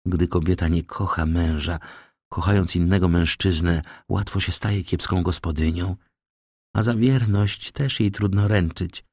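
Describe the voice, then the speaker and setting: A man's voice: low-pitched, fairly even intonation, measured pace, darkish tone, no echo, clean studio sound. A man voicing a poor young village woman, firm and earnest as she turns down a suitor.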